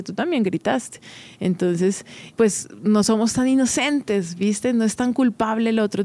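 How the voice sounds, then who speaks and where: A woman's voice: medium pitch, mellow, no room sound. A woman hosting an advice podcast, talking conversationally and directly to the listener with frequent tag questions. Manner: encouraging, addresses listener directly. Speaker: podcast host.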